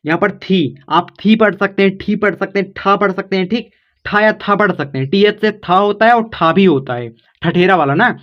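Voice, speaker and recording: High-voiced man teaching patiently. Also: lo-fi sound. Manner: patient explaining, repeats "ठीक" after each step. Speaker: English teacher. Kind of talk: spoken tutorial lesson.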